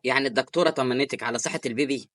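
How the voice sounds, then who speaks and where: Woman voicing affectionate Egyptian husband, cartoon, very deep voice, very fast talk, dry mic. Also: no echo. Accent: Egyptian Arabic. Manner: warm-hearted, rapid. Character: patient young husband, affectionate and steady. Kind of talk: animated story voice acting.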